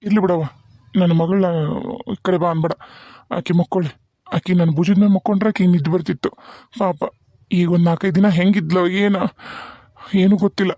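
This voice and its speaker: A man's voice: high-pitched, fairly even intonation, brisk, pauses often, no room sound. A man voicing a worried middle-aged village father in a hospital bed in a cartoon, with a North Karnataka Kannada accent. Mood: tender. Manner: gentle, pleading, rises when alarmed. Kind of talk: cartoon voice acting.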